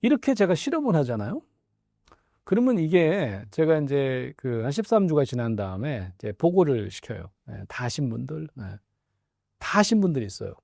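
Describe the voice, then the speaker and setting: A middle-aged man, a professor, explaining things in a conversational interview, lively and full of small affirming fillers. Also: a little high, moderate pace, gravelly, dry recording, studio quality. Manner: lively, acts out quoted dialogue, frequent affirming fillers. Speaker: professor guest.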